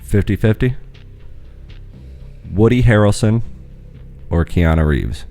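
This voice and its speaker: Very deep-voiced man hosting a quiz. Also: animated, takes it slowly, dark tone, faint music behind. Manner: teasing, coaxing, swears casually. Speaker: podcast host running a trivia quiz. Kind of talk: casual podcast banter.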